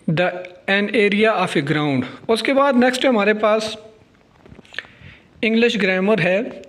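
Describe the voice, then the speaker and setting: A man with a Pakistani accent teaches, and his voice sits high. He goes patiently from one word to the next and says the English lines slowly and clearly. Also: fairly bright tone. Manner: explains each word step by step, reads out the English lines slowly. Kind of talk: explaining a lesson on a recording.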